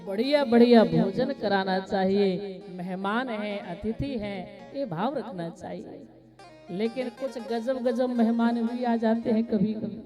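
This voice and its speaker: High-voiced woman preacher, music behind. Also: mellow. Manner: storytelling, breaks into singing chaupai. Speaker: Ram Katha preacher. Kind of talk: devotional sermon with sung verses.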